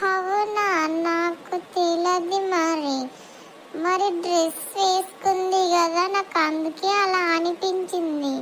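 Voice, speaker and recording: A performer voicing a timid young village woman who speaks very slowly and softly, in a cartoon comedy. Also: very high voice, monotone, heavily acted. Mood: meek. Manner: very slow, soft and meek. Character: timid slow-talking young woman, barely audible. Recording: faint background noise.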